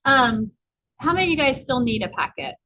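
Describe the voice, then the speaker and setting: A woman's voice: high voice, big pitch swings, a little fast, pushed and bright, slight background noise, low-quality recording. A woman presenting a casual office training session, talking loosely and rambling with many fillers. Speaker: workshop presenter.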